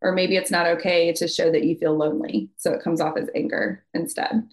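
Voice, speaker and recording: A woman mental health counselor, a podcast guest, explaining calmly and walking through worked examples. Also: on the low side, fairly quick. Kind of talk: podcast conversation.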